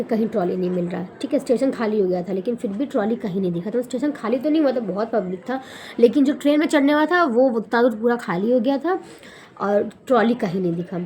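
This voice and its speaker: Young woman retelling a trip, animated. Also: on the high side, a little hiss or hum. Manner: animated, rambling retelling with self-corrections. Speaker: vlogger. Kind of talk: casual storytelling vlog.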